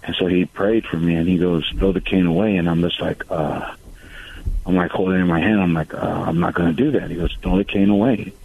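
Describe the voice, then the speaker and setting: A man's voice: sits low, fairly even intonation, brisk, gravelly, slight background noise. A man calling in to a radio show over the phone, talking in a hesitant, rambling way with lots of fillers. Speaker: caller. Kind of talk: call-in radio conversation. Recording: tinny phone line on radio.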